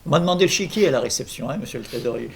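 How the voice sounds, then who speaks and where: A man's voice: mid-range voice, animated, rapid-fire, creaky, slight background noise. A man lecturing on philosophy in an informal workshop, digressing with jokes and questions to his audience.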